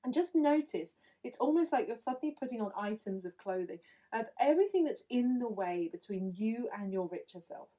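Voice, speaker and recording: A woman leading a guided visualization in a slow, soothing, instructive way. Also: a little high, lively intonation, mellow. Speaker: meditation guide.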